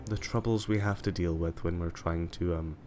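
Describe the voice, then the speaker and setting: A man's voice: low voice, fairly even intonation, normal speed, darkish tone, faint music behind. A young man chatting casually and self-mockingly while he plays a game on stream, muttering to himself and to chat. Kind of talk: casual gameplay commentary.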